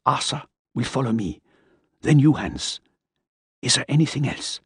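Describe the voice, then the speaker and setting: A man's voice: medium pitch, sing-song, unhurried, breathy edge, no echo, studio quality, pitched above the performer's own voice, heavily acted. A man voicing a fussy, gloomy man who fears germs and speaks in formal, precise wording. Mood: commanding. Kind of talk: audiobook character voice.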